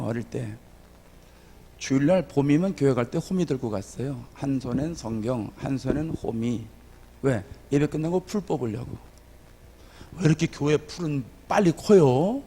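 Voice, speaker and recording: High-voiced preacher in an echoing church. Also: male voice, breathy edge. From South Korea. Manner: animated storytelling with sudden loud emphatic rises; humorous, folksy asides to the congregation. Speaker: guest revival preacher. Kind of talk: revival sermon. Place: church sanctuary. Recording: long church hall reverb.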